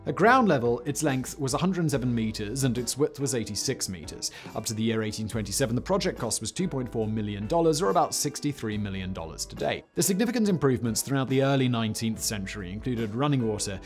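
A man's voice: mid-range voice, expressive, fast, hardly any pauses, faint music behind. A male host narrating a scripted history documentary, dropping in wry, sarcastic asides. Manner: wry, sarcastic asides with sudden loud outbursts.

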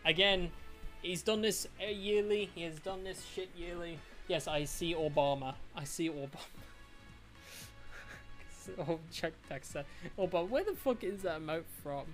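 A game streamer chatting casually to viewers and a friend while playing, excitable and boastful, swearing freely. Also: medium pitch, normal speed, faint music behind. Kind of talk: casual live-stream chat while gaming.

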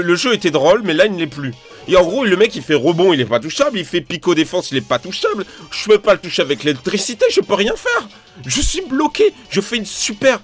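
A man giving gameplay commentary, excitable, loudly exclaiming and complaining as he plays. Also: fairly high pitch. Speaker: gaming YouTuber.

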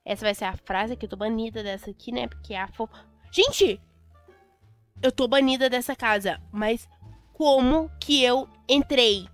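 A young adult Brazilian woman commentating a Roblox game, chatty and excitable, repeating words in bursts. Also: fairly high pitch, normal speed. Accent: Brazilian Portuguese. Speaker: Roblox gameplay host. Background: faint music.

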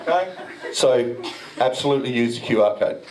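In a dim room, a middle-aged blockchain meetup presenter holds a handheld mic and delivers a playful, self-mocking talk, ribbing the crowd as he goes. His expressive mid-range voice runs a little fast, and the rough recording picks up the crowd behind him.

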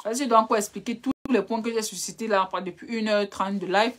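A woman's voice: medium pitch, steady tone, fast talker. A young woman hosting a live relationship advice stream, answering viewer questions in a direct, scolding way. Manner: direct, scolding, addresses viewers as brother and darling.

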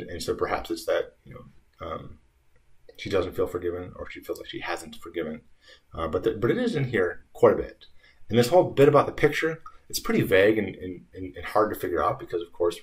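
A male teacher annotating a short story as he reads, talking haltingly with many fillers and restarts. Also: low-pitched.

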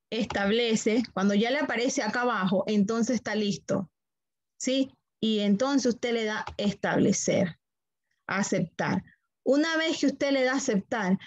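A woman's voice: a little high, no room sound, muffled recording. A woman teaching a computer class online, walking students through steps patiently, repeating them and checking that they follow.

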